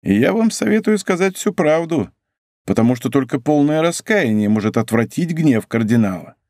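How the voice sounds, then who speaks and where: Stern male police commissioner, voiced by a man, interrogating, slightly raised pitch. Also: big pitch swings, moderate pace, darkish tone, no room sound, clean studio sound. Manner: interrogating, accusing. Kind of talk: audiobook character voice.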